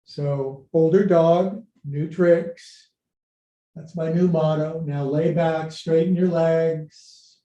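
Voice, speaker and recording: A middle-aged man with a slightly high, mellow voice teaches a live online yoga class. He takes his time, giving brief commands and counts, then slips into playful, folksy jokes. The room around him is clearly echoey. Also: fairly even intonation, takes it slowly, lo-fi sound. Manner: playful, folksy, joking asides and silly sound words. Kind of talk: live-streamed exercise class instruction.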